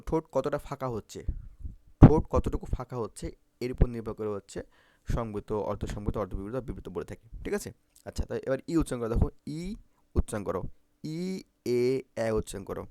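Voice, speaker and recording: A man's voice: medium pitch, warm tone, no room sound. A man teaching Bangla phonetics for exam prep, repeating vowel sounds and often checking if students follow.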